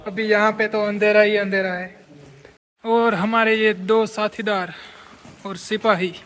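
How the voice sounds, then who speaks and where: A man talks casually to his viewers as he walks through a rock tunnel, and heavy cave echo rings around every word. His voice sits high and bright, and his pitch stays fairly level. He sounds like he is filming on a camera as he goes. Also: little pitch movement, unhurried. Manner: chatty, talks to viewers while walking. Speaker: travel vlogger. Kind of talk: casual walking travel vlog.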